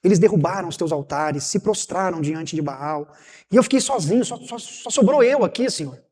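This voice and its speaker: Man, Brazilian pastor, high mellow voice, conversational sermon, rhetorical questions, long church reverb. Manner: conversational preaching, rhetorical questions, acts out God's and Elijah's words. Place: church sanctuary.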